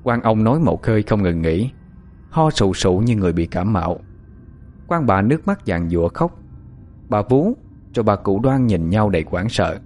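Lively male audiobook narrator. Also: lowish voice, normal speed, faint music behind. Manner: expressive, dramatic storytelling. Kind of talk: scripted story narration.

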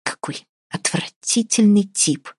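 A woman's voice: mid-range voice, slow pace, warm tone, husky, no echo, clean studio sound, voice pushed up. A woman reading an audiobook, voicing a pushy, sarcastic young woman who argues with everyone. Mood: scornful. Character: brash feisty young woman, gingerbread seller.

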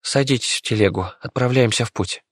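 A man voicing a practical young girl who speaks briskly and grumbles. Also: medium pitch, dry recording, studio quality, close to an everyday voice. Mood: tired grumbling. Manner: brisk, grumbling when calm.

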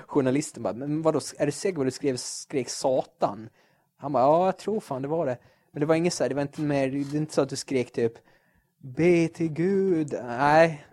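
A man's voice: medium pitch, darkish tone. Guy ranting on a podcast, cursing a lot, plain mid voice. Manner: swears a lot, rants animatedly, acts out quotes. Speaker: podcast co-host. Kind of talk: casual chat.

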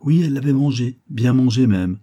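A man's voice: medium pitch, expressive, normal speed, warm tone, lightly acted. A man voicing a wry, hard-up woman. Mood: frank.

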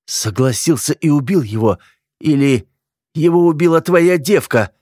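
Raised-pitch shouty brother, crude and furious, put on by a male reader. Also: animated, a little slow, breathy edge, no room sound, studio quality. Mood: bitter angry. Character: angry young man, hot-tempered brother.

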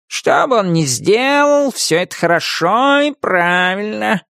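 A man voicing a touchy, know-it-all male cat who talks in a slow, pedantic, offended way. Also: high voice, sing-song, creaky, a bit bright, smooth, no echo, clean studio sound, voice pushed up, exaggerated voice. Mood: sulky.

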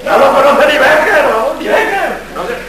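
Speaking at a normal speed over a loud crowd, this elderly Barcelona-born Jesuit jokes his way through a public lecture, peppering the room with rhetorical questions in a fairly high, lively voice. The sound is distant and heavily reverberant, like a big hall with a faraway microphone.

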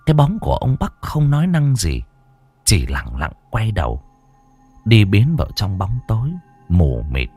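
A man narrating a ghost story dramatically, with long pauses. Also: lowish voice, wildly swooping pitch, darkish tone, slightly rough, faint music behind.

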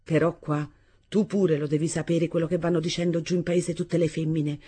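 A woman's voice: deep voice, flat delivery, normal speed, mellow, slightly rough. A woman reading an audiobook voices a superstitious, scolding middle-aged mother with a dramatic, lamenting delivery. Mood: conspiratorial.

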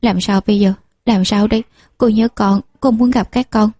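A young mother aching for her children, her words choked and pleading, as a woman storyteller reads her. The voice is mellow and a little breathy. The recording is close and dry. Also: mid-range voice, fairly even intonation, moderate pace, no room sound, lightly acted. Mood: tearful.

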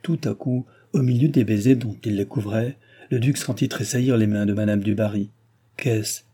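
A man narrating a classic novel as an audiobook in a measured, even reading. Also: lowish voice, slightly rough.

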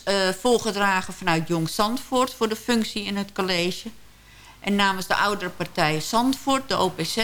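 A woman's voice: mid-range voice, fairly bright tone. A woman radio host reading out local news, with hesitations and fillers.

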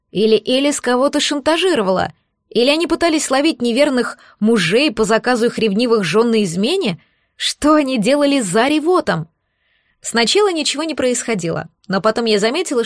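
Bright-voiced woman narrating an audiobook. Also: fairly high pitch, no echo, studio quality.

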